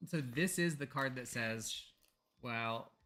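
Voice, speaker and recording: A man's voice: medium pitch, slow, a bit bright. A man with an American accent, co-hosting a casual livestream and reading tarot cards aloud, playful, with frequent ums. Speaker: podcast co-host reading tarot.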